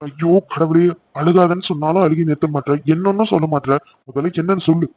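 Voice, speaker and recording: Brief: a man voicing a quick, doting young cartoon husband, mid-pitched, dull lo-fi audio. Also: lightly acted. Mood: coaxing. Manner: excited, teasing and affectionate. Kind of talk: cartoon voice acting.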